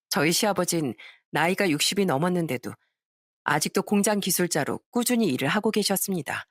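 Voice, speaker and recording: A woman's voice: on the low side, no echo, clean studio sound. A young woman telling a personal family story as narrator, in a confiding, matter-of-fact way.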